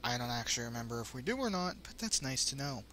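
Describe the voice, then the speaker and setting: A man's voice: medium pitch, sing-song, fast, sharp tone. A man hosting a let's play with casual, wry commentary that rambles into asides. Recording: home commentary with faint noise.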